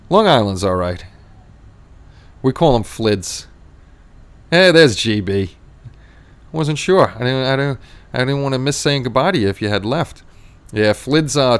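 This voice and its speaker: Middle-aged man, clear Queens New York accent. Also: on the low side. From Queens, New York City, USA. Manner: rambling, repeats his phrases. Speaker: livestream host. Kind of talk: casual chat, reading and answering live chat.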